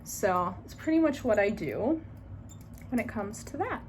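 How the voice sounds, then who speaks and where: A woman in her twenties talks through her skincare routine in a relaxed, rambling way, full of fillers and little laughs. Her voice sits at a middle pitch. A faint hiss sits under the recording. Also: measured pace. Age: 20s. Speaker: beauty vlogger. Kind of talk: casual skincare tutorial.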